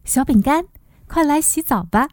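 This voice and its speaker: A woman's voice: high voice, lively intonation, normal speed, pitched above the performer's own voice. A woman voicing a young owner calling playfully to a naughty puppy, sing-song, as when reading a storybook to a toddler. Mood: coaxing.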